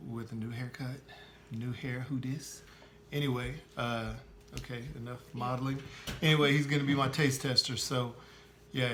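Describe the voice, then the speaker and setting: A man's voice: mid-range voice, bright, forceful tone, slight background noise. Chatty man hosting a barbecue video. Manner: chatty, full of "uh" fillers and self-corrections. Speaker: host of a barbecue cooking channel. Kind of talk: casual cooking how-to.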